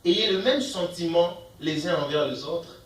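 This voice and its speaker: A man's voice: a little high, measured pace, a bit bright, reverberant, distant mic, a little hiss or hum, poor audio. A man preaching a sermon as pastor, emphatic, asking the congregation questions and reading verses aloud. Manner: reads scripture verses aloud between comments. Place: church.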